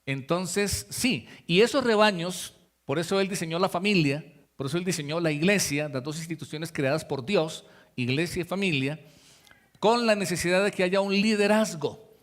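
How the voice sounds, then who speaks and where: A man's voice: high voice, moderate pace. A man delivers a sermon. He preaches in a conversational way, turning to his listeners directly and acting out the voices in the stories he tells. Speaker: pastor.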